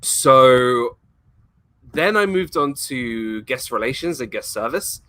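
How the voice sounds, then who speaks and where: A man's voice: mid-range voice, expressive, takes it slowly, pushed and bright, dry recording. A man being interviewed on a casual livestream, talking enthusiastically and rambling with frequent laughs. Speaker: guest, YouTuber and former theme park worker.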